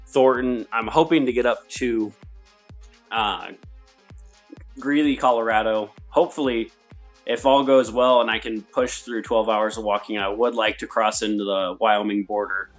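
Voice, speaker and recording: A man's voice: fairly low pitch, steady tone, a little slow, faint music behind. A man from the United States speaking as an interview guest, giving a casual personal account in a hesitant, polite way.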